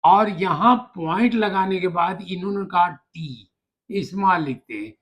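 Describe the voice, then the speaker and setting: A male math teacher with a noticeably high voice walks through each step of a problem. He talks slowly and patiently, spelling terms out letter by letter as he goes. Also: animated, fairly bright tone. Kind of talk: classroom lesson explanation.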